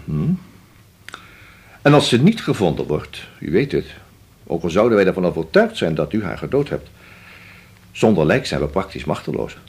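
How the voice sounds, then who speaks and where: An actor playing a shrewd police inspector who questions slowly and keeps humming to himself. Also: male voice, sits low, very animated, a little mellow, husky, exaggerated voice. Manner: slow, probing, drawn-out with many hums. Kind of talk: radio drama acting.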